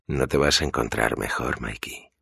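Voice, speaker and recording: A hard, merciless agent interrogating his captive in slow, clipped threats, as a narrator voices him. The voice is extremely deep and heavily gravelly, and the read is dry and close. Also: fairly bright tone, dry recording, full character voice. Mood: cold menace. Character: cold, ruthless male federal agent interrogator.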